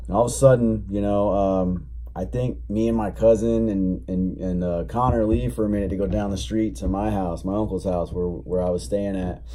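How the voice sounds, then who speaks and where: A man's voice: lowish voice, steady tone, normal speed, dark tone, faint music behind. A young man casually telling a story in a rambling, profane, laid-back way, still recovering from being sick. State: recovering from illness, coughing. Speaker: vlogger.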